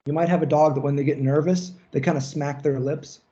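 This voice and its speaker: A male lecturer who explains theory in a relaxed, chatty way, dropping fillers and mild profanity. His voice sits fairly high but sounds mellow. The recording is dull and lo-fi. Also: a little fast. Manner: casual, conversational, profane, fillers like "like". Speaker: lecturer on psychoanalysis.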